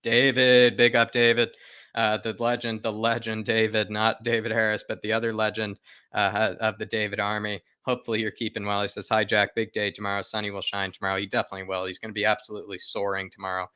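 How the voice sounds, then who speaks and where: A football fan livestream host speaks in a fairly low, forceful, clean-toned voice, monotone and fast. He chats casually and directly to viewers, reads their comments aloud, and repeats phrases for emphasis. The recording is dry and close.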